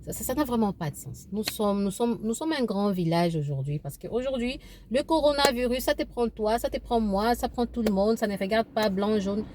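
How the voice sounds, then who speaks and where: This woman's voice is on the high side, expressive and a little mellow at a normal speed. She's a Kibembe-speaking vlogger in her thirties from eastern Congo (DRC), chatting casually to camera from her car with lots of fillers, restarts, and repetition.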